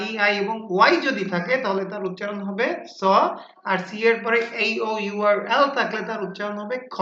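Brief: female teacher, bright voice, patient and repetitive, dull echoey recording. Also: mid-range voice. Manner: explains slowly with repetition and fillers. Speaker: phonics teacher. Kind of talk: classroom-style lesson. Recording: dull lo-fi sound in an echoey room.

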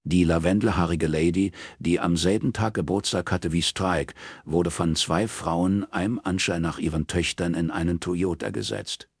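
A man reading a crime novel aloud in calm, measured scripted narration. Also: sits low, slightly rough, dry recording, studio quality. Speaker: audiobook reader.

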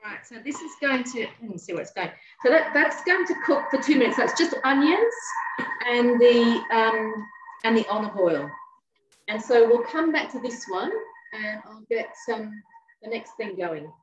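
A woman's voice: a little high, expressive, moderate pace, background noise. A woman chatting as she runs a live cooking demonstration in a kitchen, talking while she works. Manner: chatty, talks while working. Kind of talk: live cooking demo chat. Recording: roomy, dull sound from a distance.

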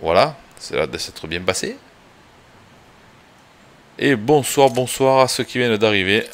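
A man's voice: mid-range voice, lively intonation, measured pace. A man streaming a video game live, chatting casually, swearing now and then and greeting viewers as he plays. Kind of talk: casual live gameplay commentary.

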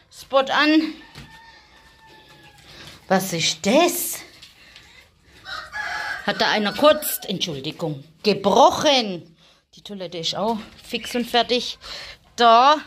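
A woman's voice: fairly high pitch, fairly bright tone, slight background noise. A woman filming a casual vlog in a stable, chatting to the viewer and coaxing her animals in a sing-song voice. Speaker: vlogger.

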